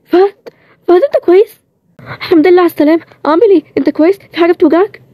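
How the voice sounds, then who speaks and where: A woman voicing a sharp-tongued young heroine with an Egyptian accent, in a bantering, higher-pitched way. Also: racing, no echo, highs cut off. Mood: worried. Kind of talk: storybook role-play series.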